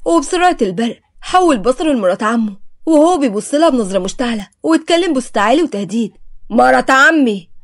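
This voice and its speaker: A woman with an Egyptian accent narrating a dramatic romance story in a quick, dramatic reading. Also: on the high side, animated, a little mellow.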